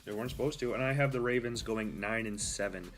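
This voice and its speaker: A young host of a casual solo sports talk show talks quickly in a lowish, creaky voice. He rambles, using fillers and correcting himself as he goes.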